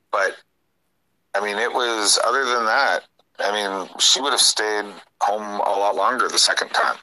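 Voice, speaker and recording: A middle-aged man with a low voice and a bright, forceful edge. He co-hosts a political talk show and lays out his views earnestly and with conviction, sighing between his points. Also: low-quality recording. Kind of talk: casual political chat.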